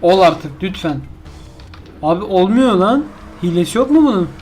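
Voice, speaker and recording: A man's voice: high-pitched, lively intonation, normal speed, a little mellow, soft background music. Exasperated man commentating his gameplay. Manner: exasperated, complaining, talks to himself and the game. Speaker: gaming YouTuber.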